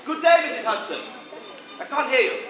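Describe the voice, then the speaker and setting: An actor playing a pompous English gentleman detective on stage with an English accent, theatrically coaxing a live audience to join in. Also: very high voice, lively intonation, a little fast. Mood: playful. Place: large indoor sports hall. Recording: echoey hall, loud audience noise. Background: noisy crowd of children.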